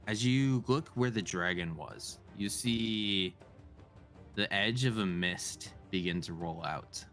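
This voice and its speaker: A man narrating a tabletop game as dungeon master, measured and hesitant, with fillers between phrases. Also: fairly low pitch, fairly bright tone, faint music behind.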